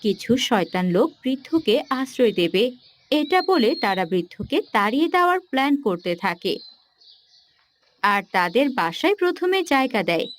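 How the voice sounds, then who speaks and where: A woman reads scripted narration for a cartoon story with a moral, speaking at a moderate pace. Her voice is fairly high, with large pitch swings.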